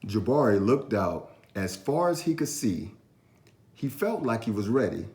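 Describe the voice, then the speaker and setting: A man reading a children's story aloud with expressive, animated narration and drawn-out emphasis. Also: on the low side, echoey room. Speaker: storytime reader.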